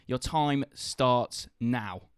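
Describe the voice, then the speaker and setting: A man co-hosting a podcast, excitable and sweary in casual banter. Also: mid-range voice, very slow, smooth, no room sound, studio quality. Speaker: podcast co-host.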